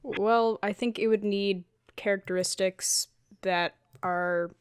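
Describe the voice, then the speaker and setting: Female co-host, dry close-mic sound, measured tone. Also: mid-range voice, steady tone, clean tone, dry recording. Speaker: podcast co-host. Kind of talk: casual chat.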